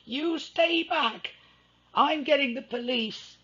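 Man doing a high shrill panicked young woman, storybook heroine, bright edgy tone, dull lo-fi sound. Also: slow pace, full character voice. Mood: terrified. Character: frantic, terrified young woman in a ghost story.

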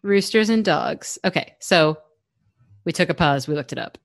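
Young woman co-host, lowish voice, casual filler-heavy chat, dry close sound. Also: animated, moderate pace, vocal fry, no room sound. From United States. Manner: chatty, lots of fillers and laughter. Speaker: podcast co-host.

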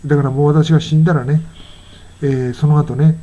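An older Japanese man explaining song lyrics and English pronunciation in a musing, self-correcting way, sounding lines out slowly. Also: on the high side, steady tone, dark tone, dull audio. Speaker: English teacher.

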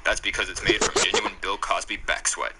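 A man doing a gravelly hard-sell TV pitchman. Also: steady tone, a little fast, loud music behind the voice, poor audio. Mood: hyped. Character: slick male TV-commercial announcer. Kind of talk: comedic mock commercial.

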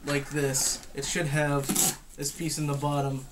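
Monotone young man, noisy recording. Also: fairly high pitch, a little slow. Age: young adult. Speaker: reviewer of military gear. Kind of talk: casual unscripted product review. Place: room at home, indoors. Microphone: camera across a table. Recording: clearly noisy home recording with clicks.

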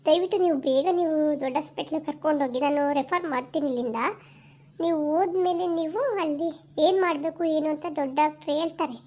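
A woman playing a brisk village doctor. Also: sits high, warm tone, lightly acted. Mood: insistent. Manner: urgent, insistent, repeats instructions. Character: brisk female village clinic doctor, firm. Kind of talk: amateur village skit acting.

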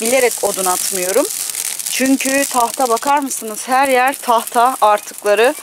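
Chatty woman vlogging in a garden. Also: measured pace. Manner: chatty, talks sweetly to her pets in a high voice. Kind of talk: casual outdoor vlog narration. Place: garden outdoors. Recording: clear outdoor background noise.

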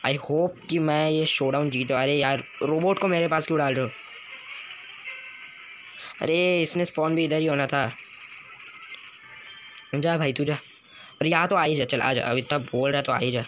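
Gamer guy commentating his match, fairly high voice, gets loud and worked up, faint hiss in the background. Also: unhurried, long pauses. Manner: excitable, shouts and groans at the game. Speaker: gaming YouTuber. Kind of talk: live gameplay commentary.

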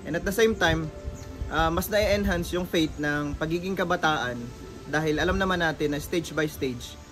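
A man's voice: on the high side, normal speed, over music. A young man giving an upbeat interview answer and slipping in English phrases. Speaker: first-time delegate.

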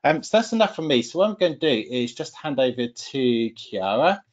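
A man's voice: mid-range voice, big pitch swings, normal speed. A man hosts an online webinar in an upbeat, informal way, his voice in a middle range. The audio is dull and lo-fi, like a computer call. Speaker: webinar host. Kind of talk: webinar hosting.

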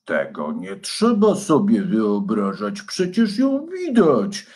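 Wincenty, a man doing a slow, low-voiced dragon. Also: wildly swooping pitch, a little mellow, exaggerated voice. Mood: grumbling. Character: calm, sensible older male dragon. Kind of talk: storybook character voice.

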